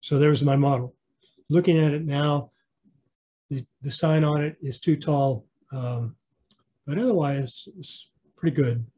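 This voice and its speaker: A man's voice: a little high, unhurried, long pauses, mellow, breathy edge. A man giving a casual online slideshow clinic about his model railroad, rambling with fillers and restarts. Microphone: video call.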